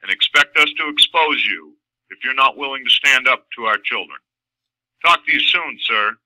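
A man's voice: medium pitch, expressive, moderate pace, pushed and bright, dry recording, rough recording. A man activist leaving a stern, confrontational voicemail, formally addressing the listener as sir. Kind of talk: phone message.

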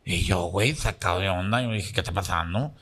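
A man with a Mexican accent telling a long joke on stage, full of slang, acting out the dialogue with sudden high squeaky bursts. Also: brisk, fairly bright tone.

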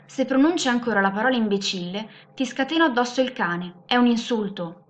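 A woman's voice: fairly high pitch, expressive, normal speed, natural voice. A woman voicing a stern, irritable human woman who speaks in a dry, commanding way. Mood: curt. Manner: curt and commanding. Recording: muffled lo-fi recording.

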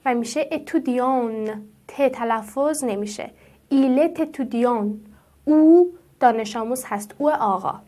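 A woman teaching French who draws out each French word slowly and asks her students questions. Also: high voice, warm tone. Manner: slow, drawn-out pronunciation of French words; explains patiently and asks the class questions. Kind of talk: classroom-style language lesson.

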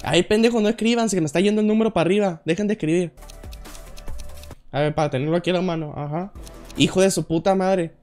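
A young man with a Mexican accent, streaming a puzzle game and reacting out loud. His voice sits high and comes through clean and smooth. He jokes, swears freely and reads his chat back as he plays. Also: fast, faint music behind. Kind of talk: casual live-stream gaming chat.

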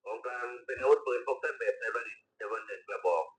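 A man's voice: mid-range voice, racing, poor audio. A male police officer making a formal report over a walkie-talkie radio, in clipped, procedural phrasing.

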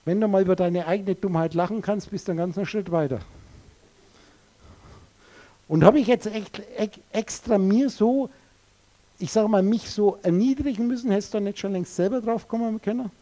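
Blunt, mellow-voiced man giving a lecture. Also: high-pitched, moderate pace. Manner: blunt, provocative, crude words; addresses listeners directly. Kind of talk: spiritual lecture to an audience.

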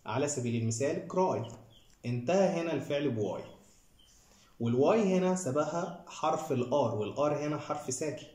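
A man's voice: on the high side, lively intonation, moderate pace, darkish tone, reverberant. A man with an Egyptian Arabic accent teaching an English grammar lesson, explaining each rule step by step and speaking directly to his viewers.

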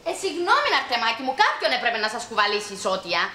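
A woman's voice: a little high, wildly swooping pitch, pushed and bright, echoey room. A woman in sitcom dialogue, flirty and dramatic. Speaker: sitcom actress.

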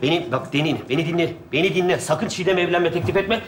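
An actor playing a man who comes from twenty years in the future as someone's older self, talking in a rough, bossy way. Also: a little high, echoey room, a little hiss or hum, natural voice. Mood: boastful. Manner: rough and bossy, fast and excitable. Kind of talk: sketch comedy acting.

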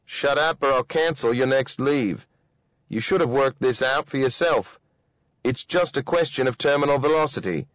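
A man doing a firm, brisk commander. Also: mid-range voice, a bit bright, no echo, pitched above the performer's own voice, close to an everyday voice. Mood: instructive. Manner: firm, instructive.

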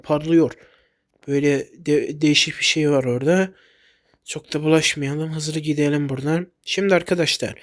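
Excitable man narrating gameplay. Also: fairly high pitch. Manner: excitable, blurts out short exclamations. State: sick. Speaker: gaming YouTuber. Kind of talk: casual gameplay commentary.

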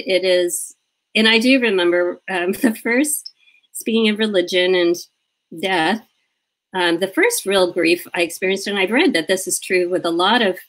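A woman hosting a live video-call interview in a relaxed, conversational way. Her voice sits slightly low. She laughs easily and slips into little quoted voices as she tells stories. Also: rough recording. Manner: chatty, laughs often, acts out childhood quotes.

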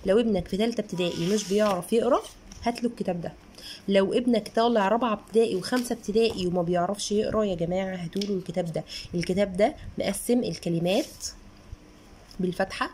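A woman in her thirties with an Egyptian Arabic accent, a mother chatting earnestly through a casual book review and sometimes sounding out syllables slowly. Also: mid-range voice, dark tone, a little hiss or hum. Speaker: mother reviewing children's books.

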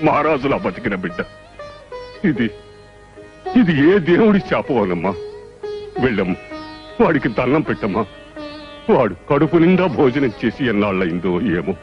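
A man's voice: mid-range voice, very animated, moderate pace, long pauses, natural voice. An older man playing a grieving, pious old father. He speaks with a sorrowful plea and a voice that rises and falls widely, while film music plays behind him on a dull old soundtrack. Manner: sorrowful, pleading. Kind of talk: 1980s film dialogue.

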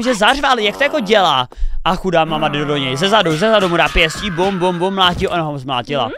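A young man hosting a reaction video, commenting excitedly, thinking aloud and cheering the players on. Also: on the high side, noisy background. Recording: faint music behind the voice.

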